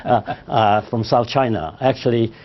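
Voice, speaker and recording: This older librarian from Hong Kong, a native Cantonese speaker, answers an oral history interviewer formally, often hesitating. His medium-pitched voice is unhurried, and the recording has its highs cut off.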